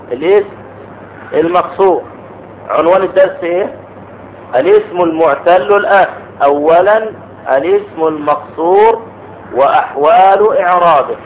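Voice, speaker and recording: A man's voice: high-pitched, animated, moderate pace. A man teaching an Arabic grammar lesson, explaining step by step and asking the class questions. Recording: tinny phone-like recording with faint noise.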